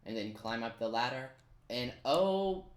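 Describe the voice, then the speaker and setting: Here a gamer offers a casual tutorial, moving through the game one step at a time and adding playful asides, in an expressive mid-range voice at a measured pace. Behind him are keyboard typing and clicks, with room echo and noise in the recording.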